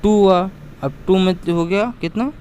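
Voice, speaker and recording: Math teacher guy, slightly high voice, goes over steps again and again, bit of street noise. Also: moderate pace, a little mellow. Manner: patient, repetitive, addresses students as beta. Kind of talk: explaining math lesson to students.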